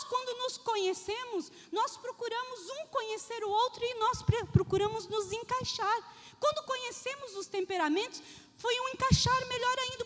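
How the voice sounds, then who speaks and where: A woman pastor preaches a lively sermon in a very high voice. She speaks straight to her congregation and acts out the people in her stories. Her voice rings with a long reverb through the church hall. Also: slight background noise. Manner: addresses the congregation directly.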